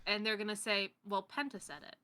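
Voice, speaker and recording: A woman in her twenties in a casual podcast chat, playful and teasing in quick banter. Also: medium pitch, sharp tone. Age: 20s.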